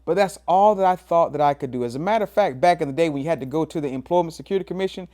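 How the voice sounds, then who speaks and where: Talking very fast with a darkish tone, a man of fifty delivers his own motivational show as a pastor. He's emphatic and preacherly, lets his pitch rise and fall for emphasis, and says "man" a lot.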